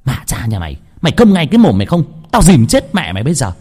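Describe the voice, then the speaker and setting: A man voicing a vicious old woman gang boss who shrieks and curses in a high, strained voice. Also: wildly swooping pitch, moderate pace, darkish tone, breathy edge. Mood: furious.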